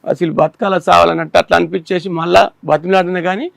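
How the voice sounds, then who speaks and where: A man's voice: high-pitched, level tone, fast talker, creaky, fairly bright tone. A man in his thirties telling a studio panel about trouble with his wife, pleading, rambling and repeating himself. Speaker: complaining husband. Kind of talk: pleading account on a family-dispute show.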